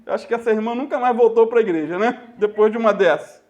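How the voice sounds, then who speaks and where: A Brazilian man preaching to his congregation in a voice pitched unusually high for a man. He tells stories in a warm pastoral register and calls his listeners dear ones and brothers. He draws out key phrases slowly for weight. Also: lo-fi sound. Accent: Brazilian Portuguese. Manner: storytelling preacher addressing the congregation as "queridos" and "irmãos"; slows down to stress key phrases. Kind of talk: sermon.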